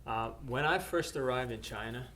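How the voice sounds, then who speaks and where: A Norwegian-born missionary gives a personal testimony to camera, hesitant and full of uhs and restarts. His voice is medium in pitch, bright and forceful, at a moderate pace. Faint background noise is audible.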